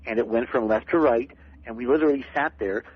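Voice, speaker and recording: A middle-aged man, a guest on a late-night radio show, telling stories excitedly and repeating words as he gets going. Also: medium pitch, quick pace, slightly rough, dry recording. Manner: excited storyteller, repeats words when starting. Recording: dull lo-fi radio broadcast.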